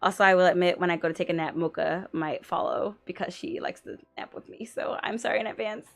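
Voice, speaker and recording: A woman's voice: lowish voice, quick pace, creaky, dry recording, soft background music. A woman in her twenties chatting casually on a stream, rambling and full of filler words, sometimes sleepy. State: sleepy, yawning. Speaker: guest on husband's art stream. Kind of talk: casual chat.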